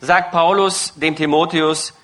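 Male live interpreter, bright and forceful tone, keeps pace phrase by phrase, small stumbles and self-corrections. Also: a little high, steady tone, measured pace. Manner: follows phrase by phrase, occasional hesitations and self-corrections.

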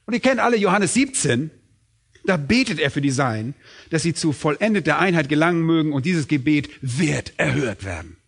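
A man's voice: on the high side, very animated, brisk, vocal fry, slightly rough. A middle-aged man preaching a sermon, emphatic, asking questions and answering them himself. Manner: emphatic, asks and answers his own questions.

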